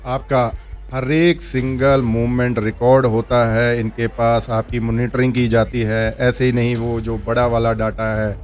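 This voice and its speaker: A man's voice: mid-range voice, flat delivery, unhurried, soft background music. A man hosting a casual commentary, who often chuckles, asks rhetorical questions and mixes English phrases into his talk. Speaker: host.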